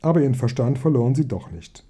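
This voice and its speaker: Mellow-voiced man reading a storybook. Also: mid-range voice, animated, fast, breathy edge. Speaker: audiobook reader.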